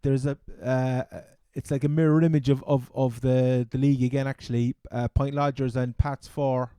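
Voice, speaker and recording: A man's voice: medium pitch, level tone, moderate pace, dark tone, smooth, no room sound, studio quality. A man with a Cork accent from Ireland, chatting casually as a sports podcast co-host and often restarting his phrases. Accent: Irish, Cork. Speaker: fantasy football podcast co-host.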